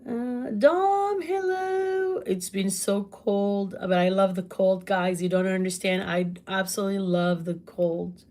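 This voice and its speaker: Portuguese woman, middle-aged, hosts a casual phone livestream from her kitchen, loud and laughing, takes her time. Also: mid-range voice, slow pace, few pauses. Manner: loud, laughs often, exclaims. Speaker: livestream host. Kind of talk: casual livestream chat answering comments. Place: home kitchen.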